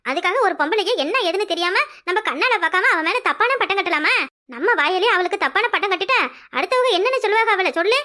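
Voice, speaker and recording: A woman's voice: fast talker, full character voice. A woman with a southern Tamil Nadu accent voicing a loyal elder village sister who scolds firmly in a cartoon. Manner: firm, scolding, lower and steady. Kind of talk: cartoon voice acting.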